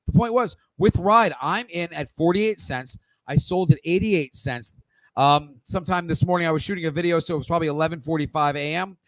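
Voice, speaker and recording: Man, high-pitched trading-stream host, blunt and profane, dry close mic. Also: brisk, no room sound, poor audio. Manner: blunt, swears casually, lectures the viewer directly. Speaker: stock trading livestream host. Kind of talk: live Q&A trading lesson.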